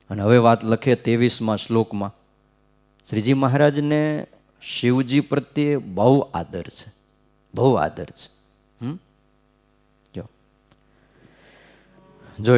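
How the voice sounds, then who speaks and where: A man's voice: mid-range voice, a little mellow. A man, a swami giving a devotional scripture discourse, talking conversationally, checking in with his listeners and chanting verses. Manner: conversational preaching, frequent "hm?" checks, sing-song verse chanting. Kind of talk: devotional katha sermon. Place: gurukul temple hall.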